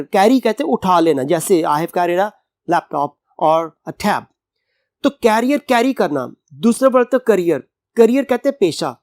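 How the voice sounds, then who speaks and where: A male English teacher with a Pakistani Urdu accent, giving a college lecture. He reads the English lines slowly, word by word, then explains them in Urdu with synonyms and everyday examples. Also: sits high, no echo.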